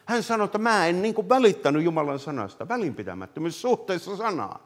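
A man preaching a fervent revivalist sermon, swinging from loud calls to hushed words and often addressing listeners directly. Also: high-pitched, big pitch swings. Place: meeting hall.

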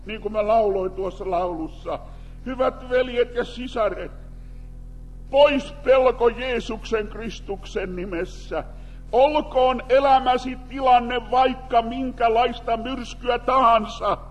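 A man preaching an animated sermon in speech, calling out to the congregation and bringing them in. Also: high-pitched. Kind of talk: lively sermon with audience participation. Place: church hall. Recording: long hall reverb.

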